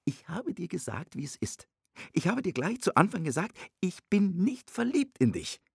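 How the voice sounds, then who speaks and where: A man voicing an evasive young woman who stays calm and firm through a heated quarrel, in an audiobook. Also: high-pitched, normal speed, gravelly, breathy edge, dry recording, studio quality, pitched above the performer's own voice, exaggerated voice.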